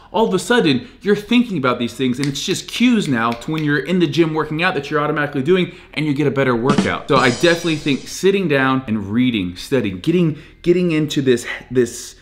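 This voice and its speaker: A man in his thirties, a fitness vlogger, talking casually and emphatically to a camera in a small indoor room, repeating key phrases for punch. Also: mid-range voice. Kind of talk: casual motivational talk to camera.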